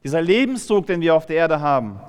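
Brief: male preacher, high voice, plain chatty sermon full of questions, long hall reverb. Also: big pitch swings, a little fast, clear, resonant tone. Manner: rhetorical questions, conversational asides.

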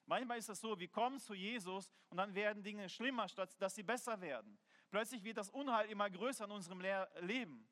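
A man's voice: sits high, a bit bright. A man preaching a sermon in an earnest, conversational way, telling personal stories. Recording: long hall reverb.

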